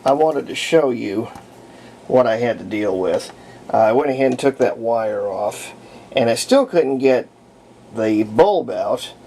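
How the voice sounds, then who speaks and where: A hobbyist radio restorer works through a hands-on repair at an indoor workbench, narrating casually and without a script in a folksy manner. His voice is mid-range with a darkish tone, and a little hiss or hum sits in the recording.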